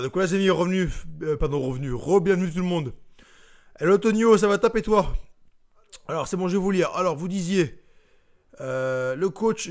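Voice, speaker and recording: Chatty high-voiced man hosting a live stream. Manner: chatty, reads comments aloud and answers viewers directly. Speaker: live stream host reading viewer comments. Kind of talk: casual live chat.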